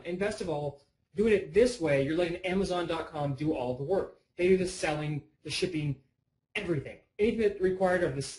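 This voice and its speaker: A man's voice: on the high side, a little mellow, low-quality recording. Chatty, rambling man teaching a webinar. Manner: rambling, chatty, self-interrupting. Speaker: online course presenter. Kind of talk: casual webinar lesson.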